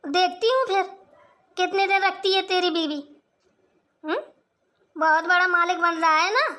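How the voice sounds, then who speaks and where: A scolding old mother-in-law, voiced by a woman in a cartoon, sharp-tongued and proud. The voice sits very high and bright, with a piercing edge. She nags without letup. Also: measured pace, exaggerated voice. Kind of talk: Hindi cartoon voice acting.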